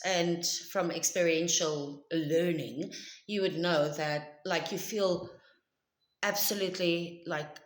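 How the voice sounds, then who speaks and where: Speaking to camera, this vlogger recounts something that happened to her, her South African accent shaped by Afrikaans as her mother tongue. Her lowish voice is loud, emphatic and conversational, and the room sounds spacious.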